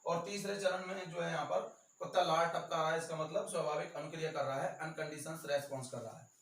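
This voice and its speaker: A male teacher with a Rajasthani accent gives an exam-prep lecture, repeating key terms slowly and stressing them. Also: a little high, steady tone, a bit bright. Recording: echoey room, voice from far off.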